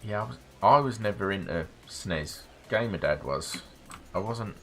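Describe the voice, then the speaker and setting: A man's voice: deep voice, animated, normal speed, a bit bright, slight background noise. A middle-aged man streaming a game, rambling wryly between asides and swearing casually. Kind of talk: casual gameplay commentary.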